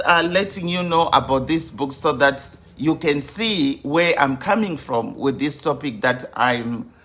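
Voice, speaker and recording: A woman in her fifties, a grief coach hosting a live stream, welcoming viewers over and over in an unhurried way with many fillers. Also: low-pitched, fairly bright tone. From Zimbabwe.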